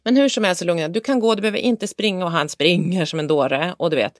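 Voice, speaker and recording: A woman co-hosting a podcast, a mother who tells stories in an animated way and acts out both sides of each conversation. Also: lowish voice, no echo, clean studio sound. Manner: animated storytelling, acting out conversations. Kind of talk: casual chat among friends.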